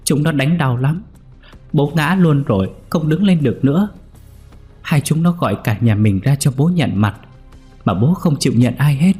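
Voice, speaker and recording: A terrified little boy cries out in a high, strained voice, sobbing and pleading, as a man puts him on. The tone is still dark and mellow underneath. It comes from a spoken horror story. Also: expressive, normal speed, soft background music, lightly acted. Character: terrified little boy crying for his father. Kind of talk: audio horror story reading.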